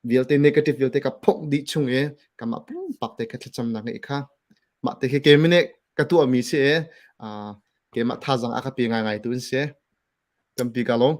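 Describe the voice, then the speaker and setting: A man's voice: mid-range voice, a little fast. A man speaking casually about church ministry, mixing English words into his talk. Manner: relaxed, mixes English words into speech.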